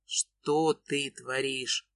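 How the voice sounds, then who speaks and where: Woman reading young male lover, lowered voice, growls and pleads, dry close mic. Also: fairly even intonation, extremely slow, vocal fry, a bit bright, dry recording, exaggerated voice. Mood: pleading. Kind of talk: audiobook reading.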